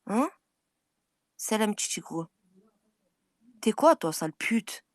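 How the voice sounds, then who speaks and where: A woman on a furious, taunting rant, repeating her challenges and swinging between yelling and low, menacing mutters. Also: very animated, slow, no room sound. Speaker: social media personality. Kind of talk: angry direct-to-camera rant.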